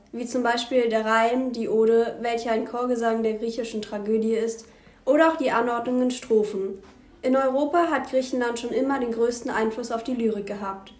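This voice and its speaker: A woman reading a scripted school lesson aloud at an even pace. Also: fairly high pitch, roomy sound. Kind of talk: scripted educational narration.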